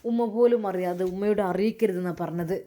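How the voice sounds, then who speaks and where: A woman doing a soft-spoken, grieving father. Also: mid-range voice, quick pace, voice pushed down, natural voice. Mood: sorrowful. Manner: soft, soothing, sorrowful. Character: man, patient kind father and husband. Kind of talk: storytelling with acted voices.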